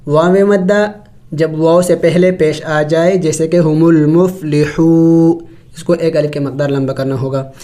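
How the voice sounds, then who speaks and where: High-voiced man teaching Quran recitation. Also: fairly even intonation, darkish tone, faint music behind. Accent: Pakistani Urdu. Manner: slow syllable-by-syllable spelling alternating with brisk explanation. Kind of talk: tajweed lesson, spelling out letters and drawn-out recitation.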